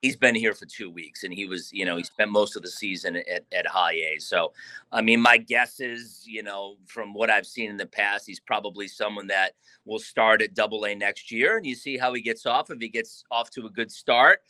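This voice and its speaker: A man talks through an interview in a loose, rambling manner, circling back and restarting his sentences. His voice is very bright and forward, and the sound is dry and close. He speaks as a baseball manager discussing his players. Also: fairly low pitch, normal speed, dry recording. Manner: relaxed, rambling, with frequent restarts and fillers. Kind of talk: interview answers.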